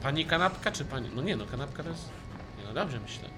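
A man's voice: animated, quick pace, background noise. Jumpy young man streaming a horror game. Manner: jumpy, shrieks and yells when scared, then mutters low. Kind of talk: live gameplay commentary.

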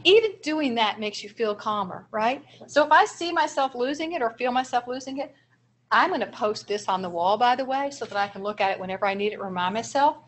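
A woman presents a training seminar on young children's behavior, her voice sitting a bit high. She talks in an animated way and acts out short classroom examples. A faint hiss runs under her voice.

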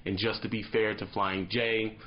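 His voice is on the low side and his speed normal as this thirties-aged truck driver vlogs from a small, dimly lit room. He tells animated stories in slang and acts out little scenes, all on dull-sounding audio.

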